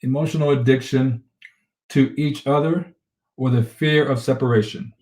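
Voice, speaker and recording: A man, a relationship coach, talking fast and energetically in a casual conversation about relationships. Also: medium pitch, fairly even intonation, a little mellow, reverberant. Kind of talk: casual conversational talk show.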